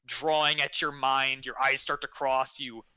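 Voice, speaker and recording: A man narrating an improvised tabletop game as game master, in an animated, amused way. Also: medium pitch, measured pace, clear, resonant tone, dull audio.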